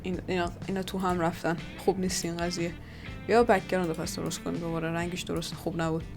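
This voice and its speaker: Woman talking to herself as she works, thinking out loud, casual, trying stuff out. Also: fairly low pitch, little pitch movement, over music. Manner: muttering to herself, trying things out. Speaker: 3D artist and channel host. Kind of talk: casual thinking-aloud commentary while working.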